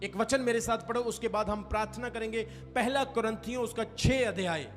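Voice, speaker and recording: Briskly and at an extremely high pitch, a pastor delivers his sermon, hitting and stretching key phrases while calling for responses from the congregation. The hall is reverberant, and faint music plays.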